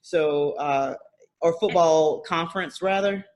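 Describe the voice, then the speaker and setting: A man co-hosting a casual sports podcast, chatty and quick to laugh, often restarting his sentences. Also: on the high side, rough recording. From American South. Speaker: podcast co-host.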